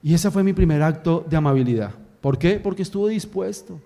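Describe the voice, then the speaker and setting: A pastor preaching with a notably high, light voice. He tells his story with lively energy, playing out each scene and the people in it as he goes. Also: brisk, creaky. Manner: animated storytelling, acts out scenes. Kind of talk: sermon.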